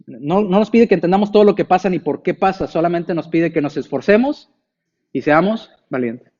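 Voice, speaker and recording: A man preaching a sermon, telling a story and acting out the villagers' voices with big jumps in pitch. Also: expressive, fairly quick, darkish tone, highs cut off. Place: church.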